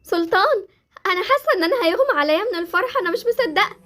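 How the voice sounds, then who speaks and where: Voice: very high voice, expressive, very fast, pushed and bright, heavily acted. A young voice playing Jessie, a lovesick girl with an Egyptian accent. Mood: excited. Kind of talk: Roblox roleplay series acting.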